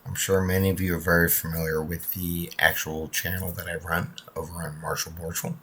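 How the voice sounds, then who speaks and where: A man's voice: sits low, little pitch movement, fairly quick, sharp tone, a little hiss or hum. A man in his thirties from the United States, talking casually to his channel's viewers, his voice a bit off from a cold, with many ums and uhs. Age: 30s. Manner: rambling, frequent ums and uhs. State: recovering from a cold, voice not clear. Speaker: martial arts channel host. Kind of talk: casual talk to camera.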